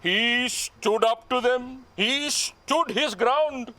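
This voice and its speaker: A man's voice: very high-pitched, extremely slow, pushed and bright, heavily acted. An actor playing a jovial man who keeps joking and teasing. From South Africa. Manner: joking, teasing, laughs often. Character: jovial South African Indian man, joking fixer.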